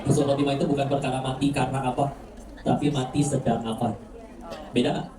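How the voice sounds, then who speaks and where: A man's voice: mid-range voice, fairly even intonation, fast, very noisy. A man preaching a casual, joking religious lecture to a crowd, often asking them questions and tagging lines with "ya". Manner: conversational, asks the crowd questions, frequent "ya". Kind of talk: lively religious lecture with jokes and audience questions. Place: mosque hall. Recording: echoey hall, mic heard from a distance.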